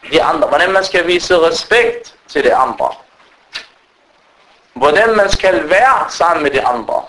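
A man's voice: fairly high pitch, a bit bright, poor audio. A man preaching an unscripted religious lecture to a gathering, talking directly to his listeners with frequent fillers and restarts. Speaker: Islamic preacher.

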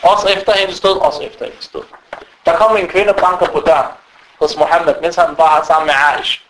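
A man giving an animated sermon as a preacher, breaking into recited Arabic quotations. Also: fairly high pitch, slight background noise, poor audio. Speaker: Islamic preacher.

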